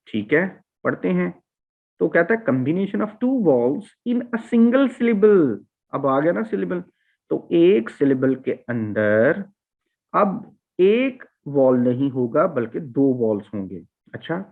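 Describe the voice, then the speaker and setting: A male lecturer, pitched a little high, walks through English vowel sounds at a slow, patient pace. He stops to repeat each sound several times. The audio is thin and phone-like, as if recorded on a cheap line. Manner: slow, repetitive, demonstrating vowel sounds aloud.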